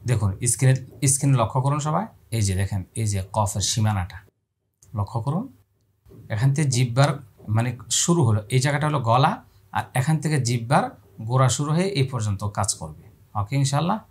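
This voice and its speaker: A man teaching Quran pronunciation step by step, explaining calmly and then drawing out each letter sound in long calls. He asks his own questions and answers them for the viewer. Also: medium pitch, fairly quick, breathy edge.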